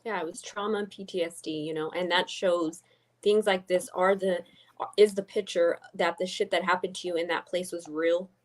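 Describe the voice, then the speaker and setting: A woman interview host speaks with a lower voice than most women. She affirms her guest bluntly and drops casual swear words. Her tone stays conversational throughout. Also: steady tone, normal speed. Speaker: podcast host.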